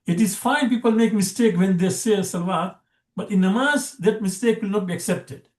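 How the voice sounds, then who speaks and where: A man's voice: high-pitched, normal speed, reverberant. A man teaching an Arabic grammar class, explaining patiently with frequent restarts.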